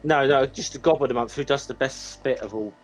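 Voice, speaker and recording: A man's voice: mid-range voice, fairly quick. A man in his forties with a broad Scottish accent and a mid-range voice. He banters casually as a panellist, often stopping and repeating words before he gets to his point. Faint music plays behind him. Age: 40s.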